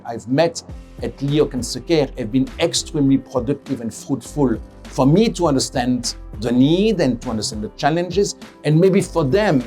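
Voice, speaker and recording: A middle-aged man from Belgium, a head of radiation oncology giving a measured interview, often correcting himself and stressing key words. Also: mid-range voice, darkish tone. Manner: measured, self-correcting, emphatic. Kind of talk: interview testimonial.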